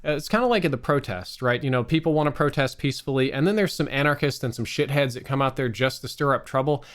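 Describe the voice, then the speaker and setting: A man's voice: mid-range voice, fast, a bit bright. An American man giving a candid, exasperated rant to his viewers, swearing freely and stressing words by drawing them out. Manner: profane, exasperated. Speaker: online streamer.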